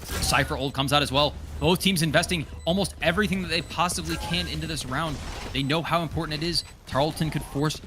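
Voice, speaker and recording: A man giving excited esports play-by-play commentary as a caster, in clipped, exclamatory live calls. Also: on the high side, a little fast, noisy background.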